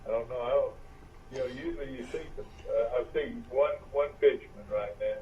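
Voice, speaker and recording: A man calling into a radio chat show on speakerphone, his voice thin and tinny with no bass, chatting in a relaxed, rambling way. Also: fairly quick. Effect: thin tinny speakerphone sound with no bass. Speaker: regular caller reporting from the beach. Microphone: phone held away on speakerphone. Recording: distant, tinny phone line with faint hiss.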